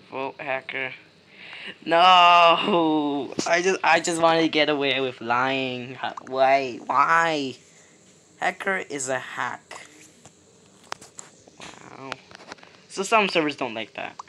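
A gaming YouTuber giving excitable, exclaiming commentary over gameplay, talking straight to viewers. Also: medium pitch, slow, long pauses, slight background noise.

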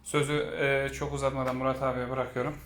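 A man's voice: mid-range voice, little pitch movement, brisk, a bit bright, slight background noise. A man hosting a casual vlog tour and interview in a car repair workshop, talking with frequent hesitation fillers. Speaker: host touring a car repair shop.

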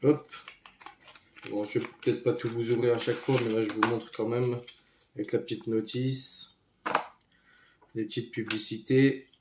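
A man casually showing off his retro game finds, relaxed and hesitant with many fillers. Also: mid-range voice, moderate pace, long pauses. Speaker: retro game collector YouTuber. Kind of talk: casual show-and-tell commentary. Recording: echoey room, faint noise.

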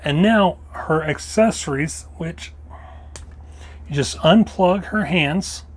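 A man's voice: a little high, takes it slowly, breathy edge. A man hosting a toy review, slightly losing his voice, walking through each detail step by step in a casual show-and-tell style.

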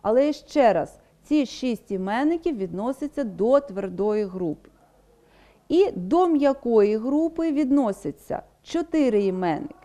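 A woman teacher giving a recorded grammar lesson, slowing down to stress example words and telling the rules like a little story. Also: on the high side, animated, dark tone.

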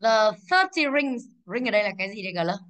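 A young woman teaching English, briskly walking through exam answers and asking the class questions she then answers herself. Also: mid-range voice, sing-song, muffled recording, noisy background.

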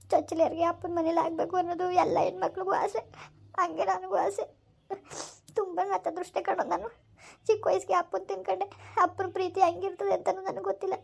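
Actress playing a tearful pleading young wife, very high pitch, monotone, village skit. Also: female voice, moderate pace, gravelly. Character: tearful young pregnant wife missing her mother.

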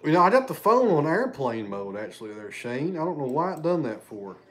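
His voice is on the high side, sing-song, fairly bright, and a little fast. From his living room at home, this man hosts a casual livestream, reading super chats and chatting with viewers. Chatty, he thanks people by name but loses his train of thought.

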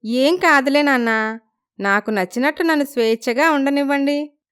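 A woman's voice: high-pitched, moderate pace, a bit bright, voice pushed up. A woman voicing a cheeky, feisty young woman in a storybook, talking back with sass. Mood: pleading. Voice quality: cheeky, sassy. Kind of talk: storybook narration.

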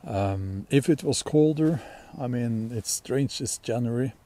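A Norwegian man with a Norwegian accent, hosting a casual bushcraft gear talk outdoors in a forest, relaxed and rambling with many ums and restarts. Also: medium pitch, a little slow. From Norway. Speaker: bushcraft channel host. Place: outdoors in a sunny forest clearing.

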